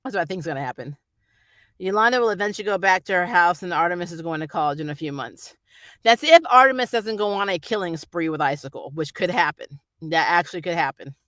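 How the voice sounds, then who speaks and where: Fast and sharp, this mid-range voice moves with lively intonation over a dry recording. It belongs to a vlogger who reads and responds to viewer comments, chatting loosely and opinionatedly in the manner of a fan's review.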